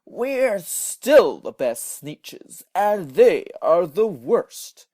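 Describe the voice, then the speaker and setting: Guy doing a snooty squabbly beach creature, scottish, loud and huffy, pitch leaping up. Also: very animated, extremely slow, no echo, exaggerated voice. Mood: indignant boasting. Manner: loud, indignant declaiming.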